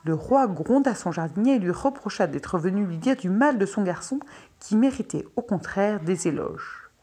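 A woman reading a fairy tale aloud in steady, clear storybook narration. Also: mid-range voice, normal speed.

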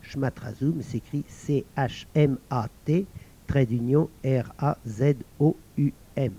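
A man's voice: medium pitch, slow pace, warm tone, husky. A man reading a fairy tale aloud, speaking directly to a child listener. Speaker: storyteller. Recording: dull lo-fi dry recording.

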